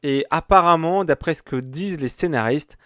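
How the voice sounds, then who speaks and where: A man's voice: fairly high pitch, moderate pace, a bit bright, no echo, studio quality. A man hosting a casual podcast, talking hesitantly with many fillers and restarts. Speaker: podcast host. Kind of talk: casual chat.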